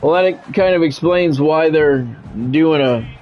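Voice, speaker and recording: Some chatter sits behind an American man whose voice runs on the high side at a measured pace. He calls a football video game live in clipped radio-sportscaster phrases and chats casually with stream viewers, heard through a dull lo-fi mic with background music.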